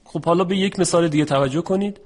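Male tajweed teacher, fairly high voice, patient, slows right down on example words. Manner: explains patiently, stretches out example words slowly. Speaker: Quran recitation teacher. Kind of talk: tajweed lesson.

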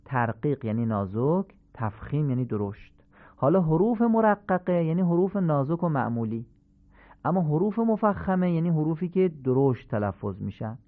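A man's voice: on the high side, sing-song. Man teaching over a tinny line. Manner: patient, drills examples one by one with repetition. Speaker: Quran recitation teacher. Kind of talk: classroom lesson. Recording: tinny phone-like lo-fi recording.

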